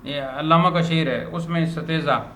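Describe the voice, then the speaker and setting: A man teaching a grammar lesson to a student, patiently repeating words slowly as a drill. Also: a little high, fairly bright tone. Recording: roomy echo, faint background noise.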